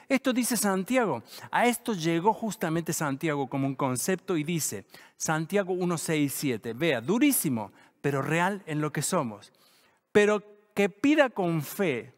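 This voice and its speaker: A man preaching a sermon as pastor, with sudden loud peaks and hushed drops. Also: high voice, long reverb tail.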